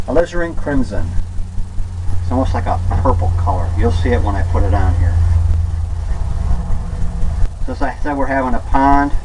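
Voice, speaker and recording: A man giving a casual step-by-step painting lesson in a gentle, easygoing instructor's manner. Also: medium pitch, slight background noise, low-quality recording.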